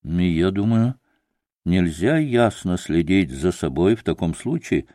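A man reading an audiobook, voicing a gentle, timid younger brother who speaks softly and pleadingly. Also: sits low, expressive, slow pace, no room sound, studio quality. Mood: earnest. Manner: soft and pleading.

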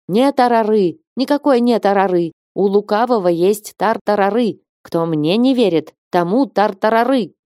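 A woman's voice: moderate pace, hardly any pauses, dark tone, no room sound, lightly acted. A woman voicing a half-mad old nun who shrieks in a frenzy, with a dry close sound. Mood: shrieking. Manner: shrill, frenzied wailing.

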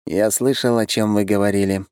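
A man's voice: lowish voice, steady tone, fairly quick, a little mellow, smooth, no room sound, studio quality, close to an everyday voice. A man reading an audiobook, voicing a self-important young man who is boastful and secretive. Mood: smug.

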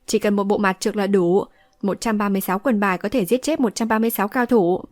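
A woman's voice: mid-range voice, fairly even intonation, fast talker, a little mellow, dry recording, close to an everyday voice. A woman reading a modest, upright young male swordsman who speaks politely, in a dry close recording. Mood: curious.

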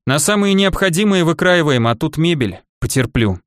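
A man reading a thirty-year-old male ruler and ex-soldier in an audiobook, self-deprecating and gently ironic, in a dry studio recording. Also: a little high, expressive, normal speed, no room sound, pitched above the performer's own voice, close to an everyday voice. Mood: earnest.

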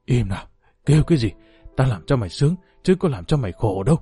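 A man voicing a lecherous middle-aged male farm-camp chief who talks in a low, hushed and crude way. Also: sing-song, fast, husky, soft background music. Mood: panting.

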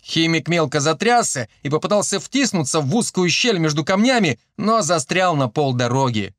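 A man narrating an audiobook in an expressive, lively way. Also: on the high side, normal speed, no echo, studio quality.

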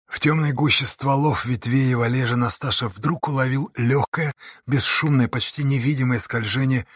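A man with a husky voice giving measured, scripted audiobook narration. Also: mid-range voice, fairly even intonation, fairly bright tone, no echo, studio quality.

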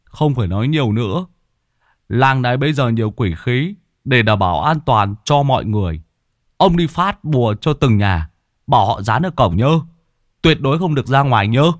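A man's voice: medium pitch, expressive, normal speed, dry recording, studio quality, close to an everyday voice. A man voicing a brash middle-aged exorcist who gives blunt orders. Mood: commanding. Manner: blunt, commanding.

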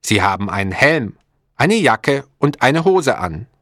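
For language learners, a man narrates a storybook slowly and clearly, deliberate yet expressive. He has a mid-range voice, and the studio-quality recording is dry.

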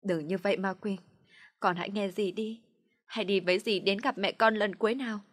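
A woman's voice: mid-range voice, fairly even intonation, brisk, natural voice. A woman voicing a grieving aunt who pleads tearfully with her niece in a spoken story. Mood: pleading.

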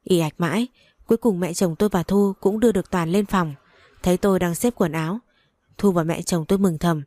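A woman's voice: on the low side, brisk, dark tone, dry recording. A woman narrating a dramatic first-person story.

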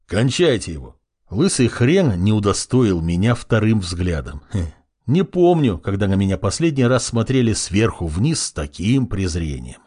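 Male audiobook reader, husky tone, lively pitch, wry first-person delivery. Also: moderate pace. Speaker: audiobook narrator.

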